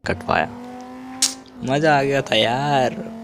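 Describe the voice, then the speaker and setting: A man's voice: expressive, takes it slowly, creaky, loud music behind the voice. A man in his twenties telling childhood stories in a casual, rambling way, often restarting and correcting himself. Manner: acts out quotes with sudden high pitch. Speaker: vlogger. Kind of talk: casual storytelling.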